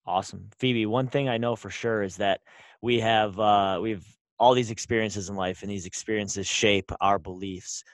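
Male host, fairly low voice, dry close mic, cheerful questions. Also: fairly even intonation, moderate pace, dry recording. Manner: upbeat, keeps saying awesome. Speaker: interview host. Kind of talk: interview questions.

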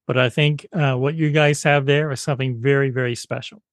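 A man's voice: medium pitch, fairly even intonation, fairly quick, no echo, studio quality. A man hosting an interview, affable and agreeable, often restarting his sentences. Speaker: interviewer, host. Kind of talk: conversational interview.

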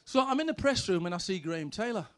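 Man, middle-aged, high-pitched, brash, sweary, comic storytelling. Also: expressive, fast, fairly bright tone. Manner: brash, punchy, sweary punchlines. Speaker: former footballer telling stories. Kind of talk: comic anecdotes, stand-up storytelling.

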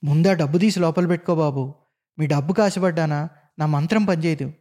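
A man's voice: on the high side, flat delivery, moderate pace, mellow, natural voice. A man voicing a worried, stern old village healer in a spoken story. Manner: pleading, anxious.

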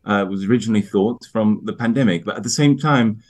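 A man answering broadcast interview questions on economics as an expert guest, in a halting, hesitant manner with repeated words. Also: lowish voice. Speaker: economist guest, IMF research division head.

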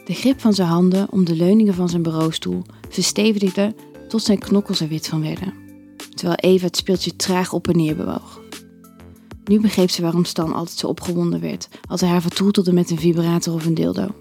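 A woman narrating an erotic audio story in a calm, even storytelling manner. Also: lowish voice, fairly quick, gravelly, faint music behind.

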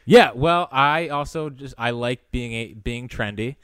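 A man's voice: medium pitch, measured pace, clean tone, no room sound. Man, podcast co-host, playful needler; resonant voice, dry sound. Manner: teasing, playful. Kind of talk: casual sports podcast chat.

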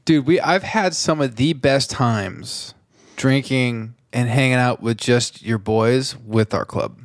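A man's voice: medium pitch, slow pace, dry recording, clean studio sound. A man hosting a podcast, chatting casually in a loose, rambling way with casual swearing. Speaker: podcast host. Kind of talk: casual chat.

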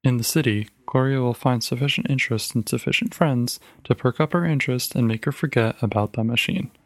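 A man's voice: medium pitch, brisk, dry recording, close to an everyday voice. A man voicing a stern, determined mother, reading her lines firmly and insistently in a storybook reading. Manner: firm, clipped and insistent.

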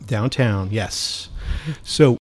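A man's voice: fairly low pitch, extremely slow, a little mellow, slight background noise. A man co-hosting a food podcast, introducing guests and segments in an upbeat casual way. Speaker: podcast co-host.

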